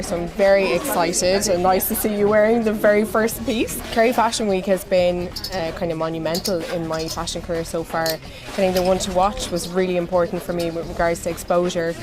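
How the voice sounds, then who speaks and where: An Irish woman fashion designer giving interview answers about her work. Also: fairly low pitch. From Ireland. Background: music.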